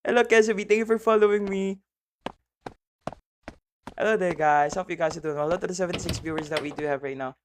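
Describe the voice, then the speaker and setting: A man's voice: high-pitched, brisk, pauses often, noisy background. A man from the Philippines live-streaming a horror game, chatting casually with viewers, laughing a lot and yelping when startled.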